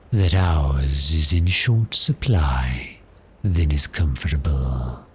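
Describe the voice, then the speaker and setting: A man voices a predatory vampire, heavily acted and quietly menacing, speaking extremely slowly in an exceptionally low, breathy tone that frequently sinks to a half-whisper. He lingers on pauses as he gently toys with his prey. It's an intimate ASMR roleplay with slight noise behind him.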